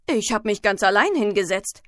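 A woman voicing a cheeky, calm, child-like creature in a storybook. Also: mid-range voice, moderate pace, dry recording, studio quality, natural voice. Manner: calm, matter-of-fact, cheeky.

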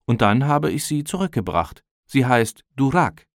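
A man's voice: mid-range voice, very animated, unhurried, dry recording, clean studio sound, voice pushed up. A man reading an audiobook voices a shy, stammering Russian man who sounds embarrassed.

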